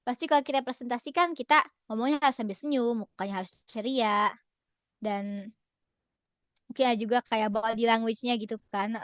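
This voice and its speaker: A woman's voice: fairly high pitch, fairly quick, a bit bright, no echo. A young woman presenting an online workshop from a relative's home in a casual, cheerful way, often laughing and slipping in English phrases. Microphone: video call.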